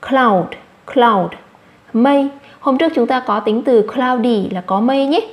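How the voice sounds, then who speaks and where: A woman with a Vietnamese accent teaching English vocabulary to children. She repeats each English word slowly, then explains it. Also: fairly high pitch.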